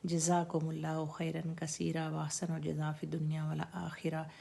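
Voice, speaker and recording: A woman teaching Quran recitation rules, patiently repeating words and sounds slowly for her students to practise. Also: sits low, monotone, vocal fry, mellow. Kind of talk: slow instructional lesson with recited examples.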